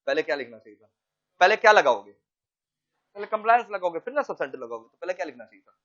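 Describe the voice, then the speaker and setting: Male lecturer, lively and questioning, drops into English often; high voice, muffled lo-fi sound. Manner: animated, quizzes students with rapid questions; mixes English phrases into speech. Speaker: teacher. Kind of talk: classroom lecture. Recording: dull lo-fi recording.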